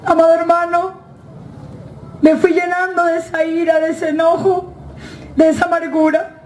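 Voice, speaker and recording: A woman with a very high voice tells her story as an emotional church testimony, speaking to the congregation and calling them "brother" again and again. Her pitch moves little. The sound is roomy and echoey, with a faint hiss of noise behind her. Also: little pitch movement, moderate pace, a little mellow. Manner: keeps addressing listeners as "hermano". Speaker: church member giving a testimony.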